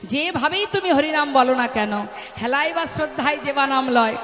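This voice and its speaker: A woman's voice: sits high, moderate pace, fairly bright tone. A woman giving a devotional kirtan sermon, asking the gathered listeners questions and calling them mother. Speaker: kirtan preacher. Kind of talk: devotional sermon to a live audience. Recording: echoey hall with music.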